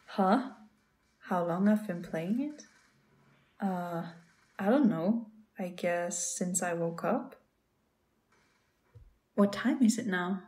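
A woman plays a playful, game-obsessed young girlfriend in an ASMR roleplay, speaking straight to the listener and calling them "babe." Her voice is fairly low and a little mellow, slow with long pauses, and her mood is playful and pleading.

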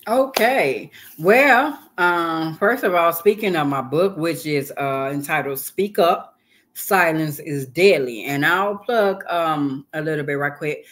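A woman with a low, slow voice appears as a guest on an interview show. She is a hip hop artist and author, speaking casually and earnestly and repeating phrases for emphasis.

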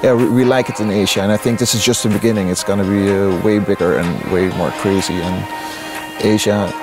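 A man's voice: lowish voice, steady tone, brisk. A man talking in an upbeat, enthusiastic way in a documentary interview. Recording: music bed under voice.

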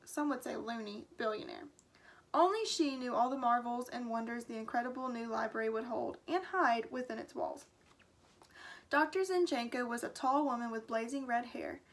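Teacher lady reading a kids' book out loud, high bright voice, lots of expression. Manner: expressive, acts out character lines. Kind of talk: storybook read-aloud. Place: home.

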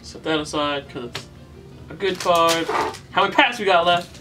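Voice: mid-range voice, moderate pace, distant mic, over music. A YouTube host opening card packs in casual commentary, listing card names one by one and groaning at weak pulls.

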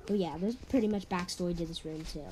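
A woman's voice: fairly low pitch, fast, mellow, a little hiss or hum. A young woman giving a casual walkthrough of her game map, rambling and leaning on "pretty much". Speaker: map builder giving a tour.

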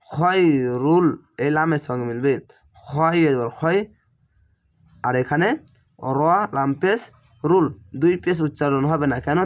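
Higher-voiced man teaching Quran recitation. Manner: spells Arabic syllables slowly and draws out recited words. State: slightly strained throat. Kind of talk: spelling-out Quran recitation lesson.

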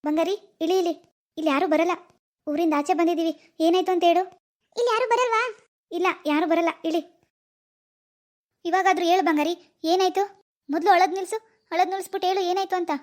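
A woman voicing a caring teenage schoolboy in a cartoon, speaking in a lower, concerned, questioning voice. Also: brisk, long pauses, a little mellow. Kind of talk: cartoon voice acting.

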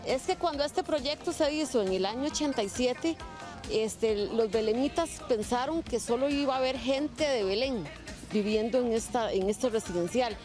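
A Costa Rican woman in her fifties talks into a handheld mic in an outdoor park, her voice a touch high. She explains in a loose, conversational way, restarting her phrases now and then. Music plays under her. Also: normal speed. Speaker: neighborhood resident interviewee. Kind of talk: casual interview. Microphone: handheld reporter mic. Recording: music bed behind.

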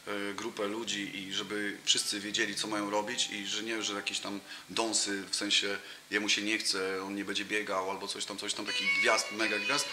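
His voice sits on the low side and comes out pushed and bright. He's a football coach in his thirties, a guest in a casual interview, stumbling through lots of fillers and restarts, recorded by a table mic in front of him in a brick-walled cafe room with a sofa that sounds roomy and noisy.

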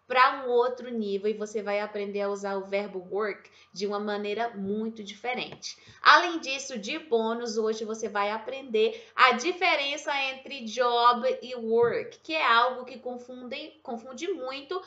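A woman with a Brazilian Portuguese accent teaching an online English lesson, upbeat, slowing down to model pronunciation. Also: fairly high pitch, pushed and bright, muffled recording. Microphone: webcam or desk mic with screen share.

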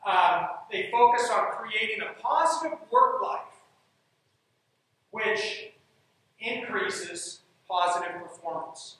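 A man with a high, bright voice and a forceful tone gives an emphatic talk about leadership and coaching from a dark stage in a large hall, repeating his main phrases frequently. The sound is distant and echoes through the hall.

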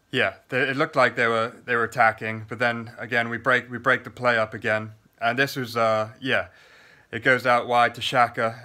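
A young man vlogging a casual post-match review, chatty with plenty of fillers and restarts, talking into a phone camera at arm's length in a small plain room. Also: mid-range voice. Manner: chatty, lots of fillers and restarts, excited play-by-play. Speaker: football fan vlogger.

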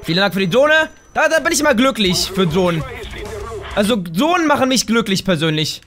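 A man doing let's play gameplay commentary, chatting straight to his viewers and breaking into loud, excited shouts. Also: high-pitched, a little fast. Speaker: gaming channel host.

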